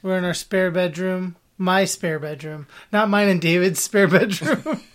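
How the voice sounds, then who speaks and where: A man's voice: high-pitched, a little slow. Man in his thirties, stuffy head-cold voice, podcast host, rambling casual chat, lots of ums. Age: 30s. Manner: relaxed, rambling, many fillers. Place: spare bedroom at home.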